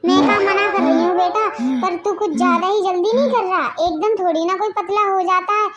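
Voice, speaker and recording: A woman's voice: very high-pitched, brisk, highs cut off, a loud crowd. A woman voicing a worried mother-in-law who pleads with her son. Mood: worried pleading. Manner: anxious, pleading.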